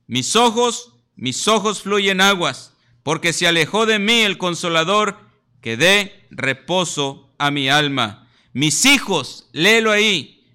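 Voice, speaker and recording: A man's voice: sits high, sharp tone, smooth. A man preaching a sermon, emphatic, often calling listeners "brother" and acting out little scenes. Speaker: pastor.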